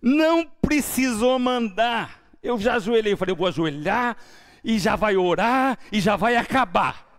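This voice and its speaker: In a church, a male pastor with a Brazilian Portuguese accent preaches a sermon sharing his testimony, moving between hushed, quiet lines and loud, lively ones. His voice is a little high, with vocal fry.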